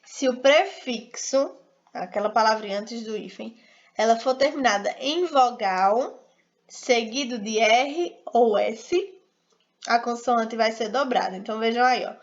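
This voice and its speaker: A woman's voice: fairly high pitch, a little slow. A Brazilian woman teaching an online writing lesson, explaining step by step and often checking with "né?". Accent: Brazilian Portuguese. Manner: explanatory, frequent "né?" and "e aí" fillers. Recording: dull lo-fi online class audio.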